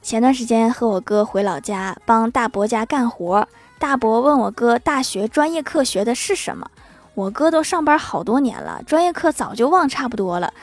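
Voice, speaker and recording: Young woman, comic storyteller, slightly high voice, deadpan punchlines, faint background music. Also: normal speed. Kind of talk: casual comic anecdotes.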